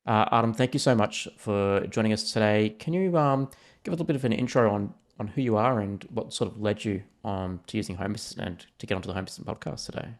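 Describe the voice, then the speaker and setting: A man's voice: lowish voice, fast talker. A man hosting a podcast, friendly and chatty. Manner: friendly, chatty, reads sponsor lines. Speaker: podcast host.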